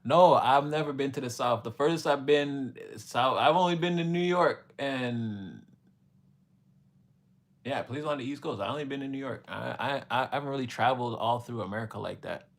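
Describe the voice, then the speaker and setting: A man's voice: mid-range voice, normal speed. A man from Montreal, Canada, hosting a casual livestream, rambling in a slangy way and laughing often as he answers his chat.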